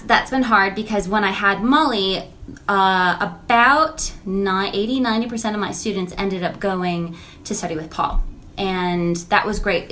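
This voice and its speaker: A woman in her thirties, a music teacher, chatting casually and telling animated stories about her lessons. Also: slight background noise. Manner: animated storytelling, acts out quotes in a high voice.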